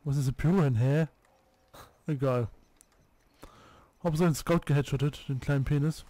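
A man's voice: fairly high pitch, moderate pace, warm tone, no echo. A young man chatting casually with friends while commentating his own video game play. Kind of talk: casual gaming chat with friends.

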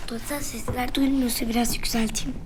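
A woman's voice: a little high, fairly even intonation, moderate pace. A woman commentating her gameplay casually, swearing playfully, bantering with herself and often slipping into an unvoiced whisper. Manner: swears playfully, talks back and forth to herself. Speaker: gaming channel host. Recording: noisy home recording.

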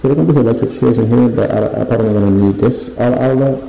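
A mid-range, gravelly, dark-toned male voice comes rapid-fire as a home renovation vlogger walks his unfinished basement with a handheld phone. He narrates casually, rambling, hunting for words, and pointing things out in a bare-drywall room that sounds echoey and lo-fi.

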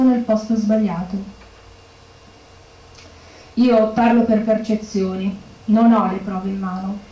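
A woman's voice: mid-range voice, mellow, lightly acted. An actress playing the grieving widow of a murdered policeman, bitter and accusing, in a stage monologue. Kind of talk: theatrical monologue. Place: bookshop stage. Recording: echoey room.

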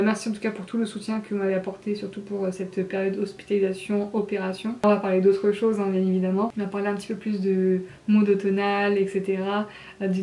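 Speaking fast and fairly flat to a camera at arm's length, this young woman in her twenties vlogs in a casual, confiding manner. Her voice is mellow but congested and nasal, and the echoey tiled bathroom she's in adds a noticeable reverb.

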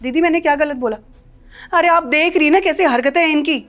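An actress playing an outspoken young daughter-in-law who scolds and confronts others in a family short film. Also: female voice, sits high, brisk, soft background music. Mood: confronting. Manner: confrontational, scolding, rising loudness.

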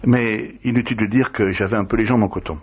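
A priest tells interview stories from long ago, vividly playing out each line of dialogue. He's a fast talker with a fairly low, slightly rough voice, captured in a dull, lo-fi radio recording.

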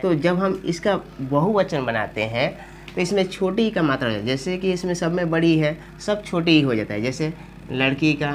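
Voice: medium pitch, animated, moderate pace. A teacher explaining Hindi spelling step by step, asking questions aloud and then answering them. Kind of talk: spoken grammar lesson.

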